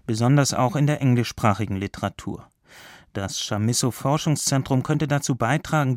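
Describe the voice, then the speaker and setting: A man narrating a scripted radio report in a calm, formal way. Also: mid-range voice, no echo, clean studio sound.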